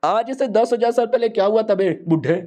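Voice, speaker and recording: A brash young male disciple from a manga retelling, cheeky and quick to panic, voiced by a man. He talks in a raised, excitable register and throws out slang. The tone stays mellow and warm underneath. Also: high-pitched, voice pushed up, lightly acted. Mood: puzzled.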